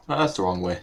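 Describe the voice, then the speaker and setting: A man's voice: sits low, a little hiss or hum. A man in casual chat over an online game, dry and matter-of-fact with a teasing streak. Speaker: gamer playing online with a friend.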